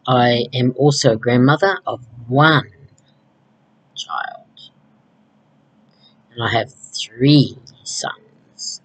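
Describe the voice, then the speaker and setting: Unhurried woman, early sixties, chatty home vlogger, rambling delivery. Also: rumbling low, rough recording. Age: 60s. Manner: rambling, conversational, frequent ums. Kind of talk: casual chat to camera. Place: small home room indoors. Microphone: laptop webcam.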